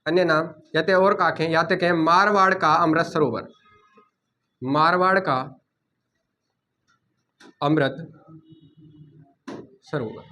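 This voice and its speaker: A man teaching a coaching class, dictating notes and repeating key words slowly so students can write them down. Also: on the high side, fairly even intonation, pushed and bright.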